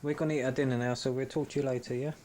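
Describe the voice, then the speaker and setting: A man's voice: mid-range voice, fairly even intonation, rapid-fire, darkish tone, slight background noise. A man filming at home, giving jokey, teasing commentary in his kitchen, heard on an old camcorder tape. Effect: old camcorder tape sound. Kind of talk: casual home-video commentary. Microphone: built-in camcorder mic.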